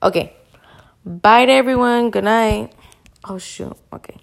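A woman's voice: fairly high pitch, a little slow, gravelly. A young woman hosting a casual solo podcast, candid and profane, with a slight Spanish-speaking accent. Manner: candid and profane, warm sign-off. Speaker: podcast host.

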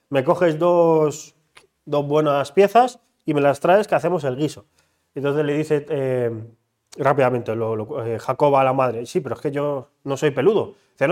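Man, from Spain, fairly high voice, casual Bible study, halting with fillers. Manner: hesitant, many fillers and restarts.

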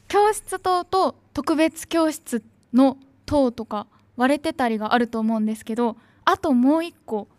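A woman's voice: high-pitched, no echo. A young woman, an announcing student, rambling nostalgically in casual free talk. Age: young adult.

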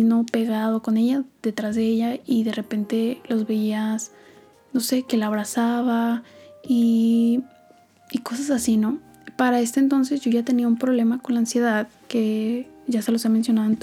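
A young woman with a Mexican accent telling a personal story as a podcast host, in a soft, often half-whispered, slangy confiding way. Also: on the high side, slightly rough. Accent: Mexican Spanish. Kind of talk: storytime monologue.

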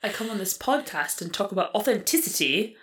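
A woman's voice: mid-range voice, very animated, fairly quick, a bit bright. A woman putting on a posh British accent, playing a prim woman who claims she grew up in London. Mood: mock-confessing. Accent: put-on British English. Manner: posh, prim and mock-solemn. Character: prim grown woman posing as a born Londoner.

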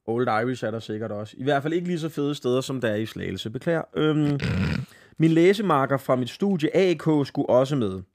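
A male podcast host with a middle-pitched voice reads a listener's night-out story. He talks loosely, swears casually and trips over words. He laughs between phrases. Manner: lively, laughing, swearing casually, stumbles while reading. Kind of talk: casual podcast chat, reading listener stories aloud.

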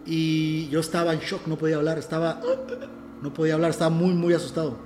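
A man's voice: fairly high pitch, flat delivery, fast talker, a little mellow, echoey room, faint music behind. A man from Mexico with a Mexican accent, telling a personal story in casual, earnest conversation and often restarting his phrases. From Ciudad del Carmen, Mexico. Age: adult.

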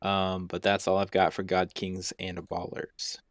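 Low-voiced rambling man on a podcast. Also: monotone, a little slow, no room sound, clean studio sound. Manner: rambling, self-deprecating, many restarts and fillers. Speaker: podcast co-host and youth basketball coach. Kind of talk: casual podcast chat.

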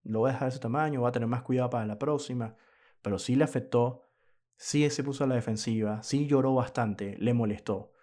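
Podcast guy telling a story, kinda preachy and fed up, relaxed mellow voice. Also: mid-range voice, a little fast. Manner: indignant, moralizing, asks listeners rhetorical questions. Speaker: podcast host. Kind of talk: casual storytelling monologue.

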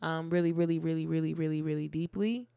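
A woman's voice: deep voice, fairly even intonation, fast, creaky, dark tone, smooth, no room sound. A woman co-hosting a casual podcast, blunt and opinionated, swearing freely into a close mic. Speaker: podcast co-host.

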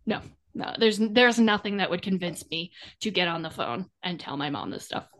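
A woman co-hosting a podcast in casual chat, talkative and quick to laugh. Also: on the low side. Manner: chatty, laughs often, animated retellings. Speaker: podcast co-host.

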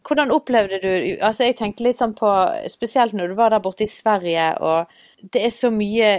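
A woman's voice: mid-range voice, darkish tone, no echo, clean studio sound. A woman hosting an interview in casual chat, often stringing several questions together. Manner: chatty, piles up several questions at once. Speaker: podcast host.

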